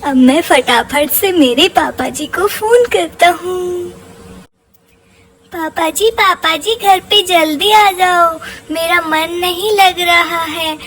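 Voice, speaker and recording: Mom voicing a cheeky baby boy for a vlog: very high, slow, cutesy baby talk. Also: a bit bright, slight background noise, exaggerated voice. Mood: playful. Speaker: parent vlogger voicing her baby.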